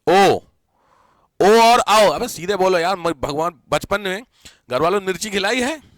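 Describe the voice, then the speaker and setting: A man's voice: high-pitched, measured pace, no room sound. A man teaching a live grammar class, quizzing and teasing his students as he goes. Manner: lively, teasing, questions students often.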